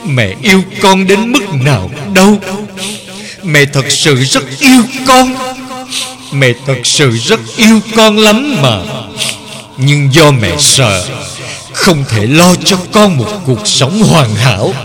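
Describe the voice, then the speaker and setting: Male narrator as a heartbroken young mother in a horror audiobook, tearful and begging, pitch swinging, slow delivery, music underneath. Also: big pitch swings, a crowd in the background. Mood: pleading. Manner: pleading, tearful. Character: grieving young mother pleading with a ghost.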